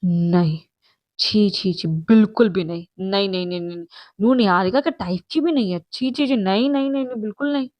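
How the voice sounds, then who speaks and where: A woman's voice: medium pitch, normal speed, dry recording, voice pushed down, natural voice. Woman doing a jealous, flustered young woman. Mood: fretful. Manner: sharp, fretful, scolding herself.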